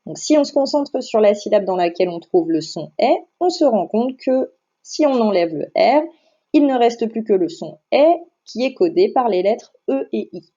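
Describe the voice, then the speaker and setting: A woman teaching phonics to young children in a recorded slideshow lesson. She speaks slowly and carefully, stretching each sound so the children can hear it. Her voice is mellow and soft, and the recording sounds a little dull and lo-fi. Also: on the high side, expressive. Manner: slow, careful, over-articulating sounds and syllables. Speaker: primary school teacher.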